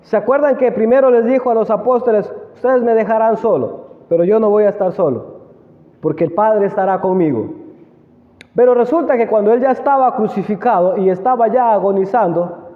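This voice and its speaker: A man preaching a sermon, reading scripture slowly and asking the congregation questions. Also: high-pitched. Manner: asks the congregation questions, slow emphatic reading. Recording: echoey hall, tinny phone-like sound.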